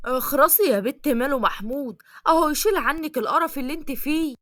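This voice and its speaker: A woman's voice: high voice, fast, no room sound, studio quality. A woman voicing a bossy, scolding middle-aged mother with an Egyptian accent, in a cartoon story. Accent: Egyptian Arabic. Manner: scolding, loud outbursts.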